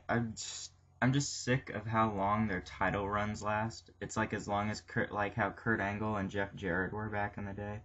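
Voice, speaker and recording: A man's voice: lowish voice, slightly rough, lo-fi sound. A man ranting casually about pro wrestling, profane and full of fillers. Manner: profane, filler-heavy, excitable. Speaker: wrestling fan vlogger. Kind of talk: casual rambling rant.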